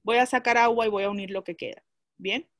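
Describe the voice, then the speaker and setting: A woman's voice: fairly high pitch, steady tone, a little fast, a bit bright, no room sound. A woman teaching a class, explaining a chemistry lesson step by step and asking her students questions as she goes.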